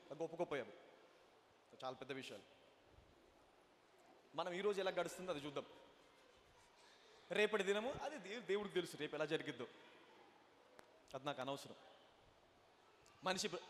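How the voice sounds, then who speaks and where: A man's voice: high voice, fairly bright tone, slight background noise. A man preaching a sermon as pastor, firing rhetorical questions at the congregation and dropping in English phrases. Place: church hall. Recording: long hall reverb.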